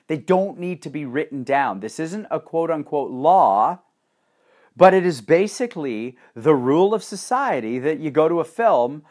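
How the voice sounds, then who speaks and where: A man delivering a profane, sarcastic ranting monologue with animated swings in energy. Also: a little high.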